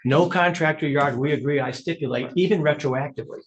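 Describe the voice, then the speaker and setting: A man's voice: on the high side, brisk, a little hiss or hum. Emphatic male attorney arguing in court. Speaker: attorney arguing before a judge. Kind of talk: courtroom legal argument.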